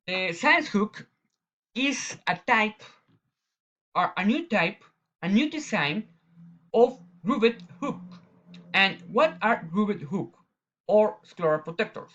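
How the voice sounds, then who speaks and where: Slow, halting woman with Latin American accent. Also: mid-range voice, a bit bright, muffled recording. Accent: Latin American Spanish. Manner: halting, careful delivery with frequent restarts. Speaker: eye surgeon presenting a new instrument. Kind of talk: slide presentation.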